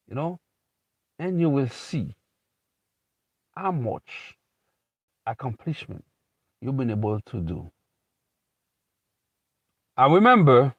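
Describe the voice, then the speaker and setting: A fairly high-pitched man, Haitian by origin and living in America, rambles through an unscripted motivational talk, often restarting phrases, repeating himself, and saying "you know." No room sound is audible.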